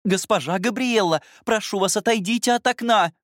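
A prim, strict housekeeper, put on by a man reading a story. Her voice sits well above his own and is strongly expressive. She talks in a formal, reproachful, fussy way. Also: on the high side, fairly quick, no room sound, clean studio sound, pitched above the performer's own voice. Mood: fussy scolding.

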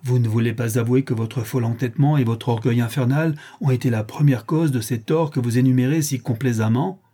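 A man's voice: medium pitch, a little fast, mellow, slightly rough, close to an everyday voice. A man reading an audiobook and voicing a haughty older aristocratic countess who scolds and commands. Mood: furious.

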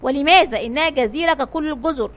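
A woman's voice: high voice, quick pace, fairly bright tone. A woman voicing a loyal, anxious male sailor who calls out to his captain in a children's story. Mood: puzzled. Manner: anxious calling out. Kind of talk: storybook reading.

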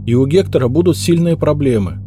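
A man's voice: on the high side, music in the background, pitched above the performer's own voice, close to an everyday voice. A man doing a frightened pleading young maid. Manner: pleading, rushed, tearful.

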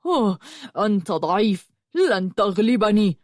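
A woman's voice: mid-range voice, sing-song, unhurried, darkish tone, dry recording, clean studio sound. A woman narrator voicing a spiteful male horse-spirit turned man, a brutal villain who taunts through gritted teeth, in an audiobook. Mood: taunting.

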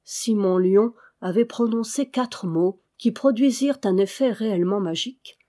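A woman narrating a classic adventure novel aloud in a measured, expressive way. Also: medium pitch. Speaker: audiobook reader.

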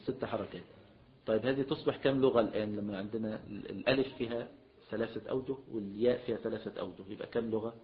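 A man's voice: on the low side, steady tone, racing. A man with an Egyptian accent teaching a religious lesson as a sheikh, mixing classical and colloquial Arabic and often prompting listeners with a questioning "what?". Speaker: sheikh teaching Islamic jurisprudence. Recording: dull lo-fi lecture recording.

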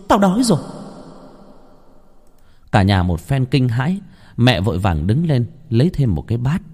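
A man's voice: mid-range voice, mellow. A man narrating a ghost story in a dramatic, suspenseful manner.

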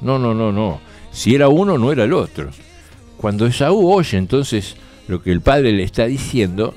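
A man's voice: fairly low pitch, a little mellow. A man with a Rioplatense accent telling a Bible story on the radio in a conversational way, often checking in with the listener. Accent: Rioplatense Spanish.

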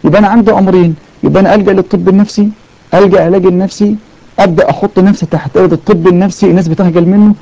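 A man's voice: sits high, steady tone, very fast, vocal fry, warm tone. A man with an Egyptian accent preaching in colloquial Arabic, telling stories with emphatic repetitions and taking callers. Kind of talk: fervent colloquial sermon. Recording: dull lo-fi audio.

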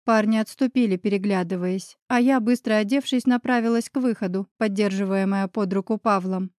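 A woman's voice: mid-range voice, steady tone, fairly quick, darkish tone, no room sound, clean studio sound. A woman narrating a romance novel in the first person, reading expressively and dramatically. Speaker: audiobook narrator.

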